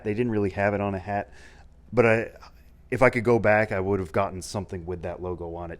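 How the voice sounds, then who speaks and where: A man hosting a podcast, chatting casually. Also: deep voice. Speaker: podcast host.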